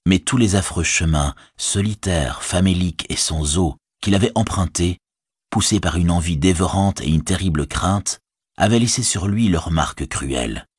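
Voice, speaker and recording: A man narrating a fantasy audiobook in a measured, expressive reading voice. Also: low-pitched, husky, no room sound, clean studio sound.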